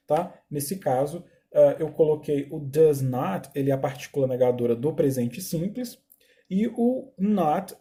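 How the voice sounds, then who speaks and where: A Brazilian man, a native Portuguese speaker, teaching English grammar step by step, slowing down to read example sentences and often checking in with the class. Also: on the high side, mellow. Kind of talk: recorded grammar lesson.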